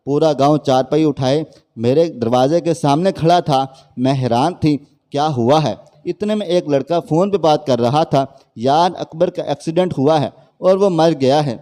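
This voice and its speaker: Man narrating in a mellow voice. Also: on the high side. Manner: reads a woman's first-person story aloud. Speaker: storyteller. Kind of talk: scripted narration of a sad story.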